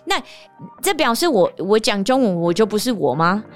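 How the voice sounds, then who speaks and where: A woman from the United States, a native English speaker, hosting a casual podcast monologue, telling stories in an animated way and laughing often. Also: mid-range voice, moderate pace, soft background music. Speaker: podcast host; teacher and performer.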